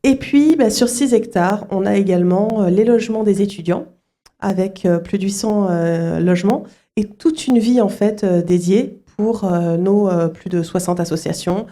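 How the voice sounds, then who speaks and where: A middle-aged woman, a school director, answering interview questions at a student fair, often pausing with fillers and restarting her sentences. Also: mid-range voice, dark tone. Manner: hesitant, many fillers and restarts.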